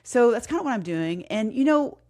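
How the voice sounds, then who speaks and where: A middle-aged woman hosting her fitness podcast, talking candidly and emotionally, grieving and close to tears, with many pauses and restarts. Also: a little high, very animated, mellow. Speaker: podcast host and fitness coach. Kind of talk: casual heartfelt podcast talk.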